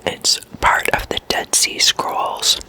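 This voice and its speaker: Close to the microphone, this ASMR host speaks in a breathy, unvoiced whisper, casually telling stories and softly repeating words at a slow pace.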